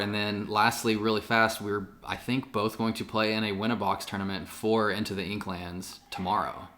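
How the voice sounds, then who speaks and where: Man, low and bright, loose co-host chatter with fillers. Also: slight background noise. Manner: chatty, lots of fillers and restarts. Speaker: podcast co-host. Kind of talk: casual chat.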